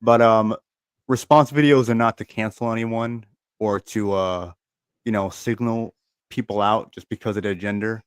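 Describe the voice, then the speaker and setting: A man's voice: fairly low pitch, fairly even intonation, moderate pace, clear, resonant tone, dry recording, studio quality. A man with a lisp hosting a podcast in casual chat, laid-back, reading out chat comments and laughing often.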